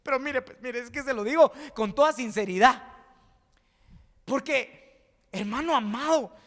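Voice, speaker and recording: Male pastor from Guatemala, fervent sermon delivery, bright forceful voice, long hall reverb. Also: very high-pitched, unhurried. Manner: fervent, repeats words and restarts, rising to exclaim.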